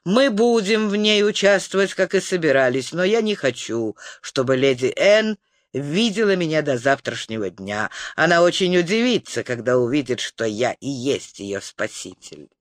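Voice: mid-range voice, very animated, moderate pace, dry recording, clean studio sound, pitched below the performer's own voice, lightly acted. An audiobook reader voicing an eager, self-assured young man who boasts a little. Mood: smug. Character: eager smug young male knight.

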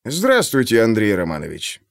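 A man voicing a polite, measured male professor in an audiobook. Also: on the low side, wildly swooping pitch, vocal fry, no room sound, studio quality, exaggerated voice. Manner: courteous, measured.

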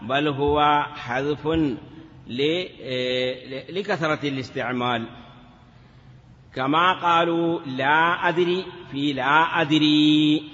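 A male teacher of Arabic morphology delivers a classroom lecture in a slow, somewhat high voice that is bright and forceful. He asks questions and answers them himself, at times stretching words into a chanting lilt. The lo-fi recording has a long reverb tail.

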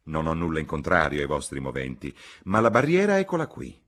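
A man reading an audiobook, voicing a blunt middle-aged mother in a loud, husky, scolding tone. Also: a bass voice, huge pitch swings, brisk, full character voice. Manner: loud, scolding, matter-of-fact.

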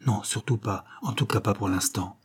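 A man's voice: on the low side, normal speed, husky. A man playing a worried, earnest doctor. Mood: grave. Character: worried middle-aged doctor, husband.

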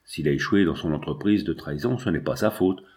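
A man's voice: rumbling low, fairly quick, darkish tone, pitched below the performer's own voice. A man reading the lines of an anguished young man who accuses and protests vehemently, in a storybook reading. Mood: indignant.

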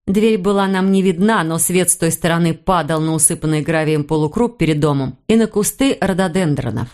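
Woman narrating in a low, measured voice. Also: a little mellow. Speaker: audiobook reader. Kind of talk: scripted narration.

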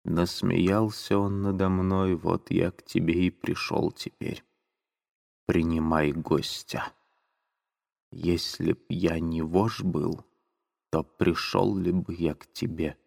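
A man voicing a tormented young man who confesses in a grave, slow, heavy way. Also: low-pitched, little pitch movement, creaky, darkish tone, full character voice. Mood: brooding. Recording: long reverb.

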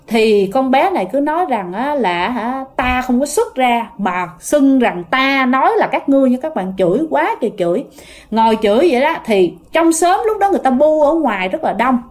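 A woman's voice: high voice, moderate pace. A woman telling a ghost story casually, talking directly to her listeners. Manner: animated, addresses listeners directly.

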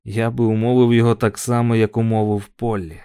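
A man reads a story aloud in an even, measured telling. His voice is dark and mellow and sits fairly low, and the sound is dry and close with no room around it. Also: clear, resonant tone, no echo. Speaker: audiobook narrator. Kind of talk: scripted audiobook narration.

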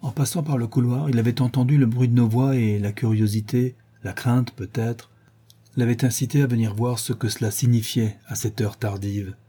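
A man reading a novel aloud in measured, even storytelling narration. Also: mid-range voice, breathy edge. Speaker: audiobook reader.

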